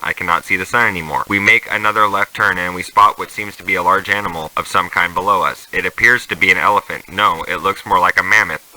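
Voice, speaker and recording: Low-voiced man reading a journal aloud. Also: sharp tone, poor audio. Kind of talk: first-person journal reading.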